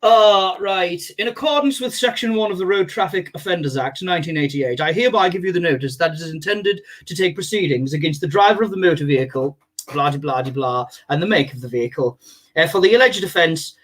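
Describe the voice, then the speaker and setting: A young man co-hosting a casual chat show, telling sweary anecdotes and laughing at himself. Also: high-pitched. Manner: animated storyteller, quick to laugh at himself. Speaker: co-host.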